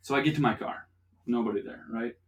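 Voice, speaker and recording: A man's voice: medium pitch, brisk, slight background noise. A young man telling a rambling, profane story in casual chat on a podcast, laughing often. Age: young adult. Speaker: podcast host.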